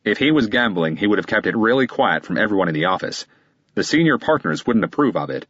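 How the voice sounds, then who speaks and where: A man's voice: on the low side, sing-song, quick pace, fairly bright tone, no echo, dull audio. A man voicing a guarded middle-aged male lawyer who answers in a clipped, impatient way. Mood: defensive.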